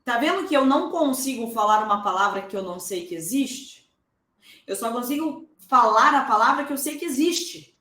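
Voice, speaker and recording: A woman's voice: a little high, lively intonation, normal speed, sharp tone, echoey room. A woman teaching a public speaking masterclass in a casual, slangy way, driving points home with repeated examples. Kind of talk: masterclass lecture.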